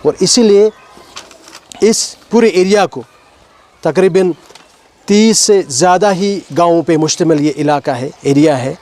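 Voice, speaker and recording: Kashmiri-accented male walk leader, fairly high pitch, talks to schoolchildren outdoors, explanatory, asks them questions. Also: long pauses, darkish tone. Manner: explanatory, asks questions of the children, mixes in English words. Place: outdoors at a stone heritage site.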